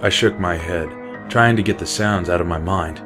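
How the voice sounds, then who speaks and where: A man narrating a scripted horror story in a measured, unhurried reading. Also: deep voice. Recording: music bed under the voice. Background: music playing under the voice.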